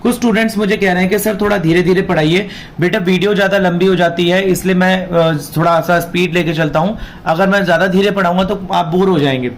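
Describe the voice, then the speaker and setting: Here the voice is high and fairly even in intonation, moving at a quick pace with a faint hiss or hum. A man with a sore throat teaches law online in an informal exam lesson, explaining and restating key points in Hindi blended with English terms.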